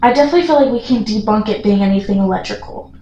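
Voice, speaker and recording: A woman vlogging a ghost investigation in an excitable, spontaneous way, putting questions and requests to a spirit and often rephrasing them. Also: mid-range voice, racing, dull audio. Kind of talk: spontaneous vlog narration while addressing a spirit with questions. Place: echoey room inside a castle. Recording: roomy echo, some background noise.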